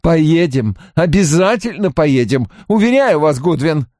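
A man doing a pushy smooth-talking businessman. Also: on the high side, very animated, a little slow, a little mellow, no room sound, studio quality, pitched above the performer's own voice. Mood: reassuring. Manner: persuasive, wheedling, pressing. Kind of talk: audiobook character voice.

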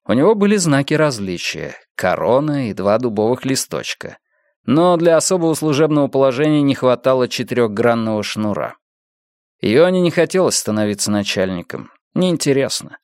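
A man reading an audiobook in steady scripted narration. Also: mid-range voice, moderate pace, dry recording, clean studio sound.

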